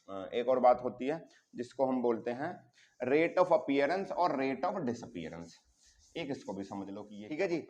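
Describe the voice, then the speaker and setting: A man's voice: medium pitch, darkish tone. A man teaching a chemistry lesson in a classroom, explaining step by step in a mix and often checking that students follow. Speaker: chemistry tutor. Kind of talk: classroom lecture at a board.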